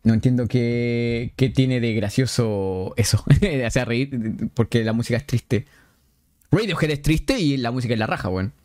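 A man's voice: medium pitch, normal speed, no echo. A young man with a Chilean accent giving loose, slangy let's play commentary over a visual novel. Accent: Chilean Spanish. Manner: animated, slangy, rambling explanations. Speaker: game streamer.

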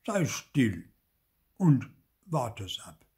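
An older man voicing a poor, short-tempered peasant husband who scolds loudly and impatiently, in a husky voice. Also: medium pitch, big pitch swings, extremely slow, full character voice. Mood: scolding.

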